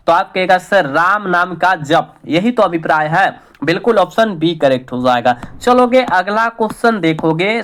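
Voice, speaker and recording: A man's voice: sits high, a bit bright. A man with a Bihari accent running an exam revision lesson, repeating each question and coaxing his students along as a teacher.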